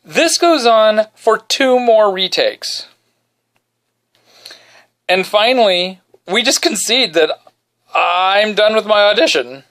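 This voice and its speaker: A podcast host records at home in his bedroom, telling his listeners a funny story at his own expense and singing little bits under his breath. His baritone voice is smooth and clear, pitched a touch higher than most men's, and he speaks slowly with long pauses. It's a casual solo podcast in which he comes across as an animated, self-deprecating storyteller.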